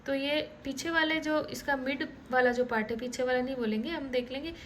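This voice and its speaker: A woman teaching biology in a relaxed lecture style, often checking in with the class and restarting words as she explains diagrams. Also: high voice, brisk, a little hiss or hum, rough recording.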